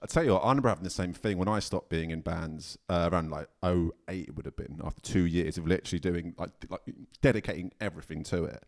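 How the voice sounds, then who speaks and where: A man in his thirties hosts a music podcast in a casual, matey way, joking and swearing freely. His voice sits fairly low for a man. He is from England. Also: quick pace, few pauses. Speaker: podcast host. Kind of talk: casual chat.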